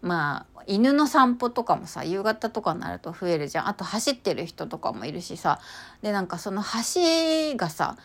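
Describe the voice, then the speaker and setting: A woman talking casually and chattily about her walks and inner experiences, with many fillers and sudden excited outbursts. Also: normal speed. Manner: chatty, animated, bursts into high excited exclamations; many fillers, lots of sentence-final さ. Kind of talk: casual spiritual chat.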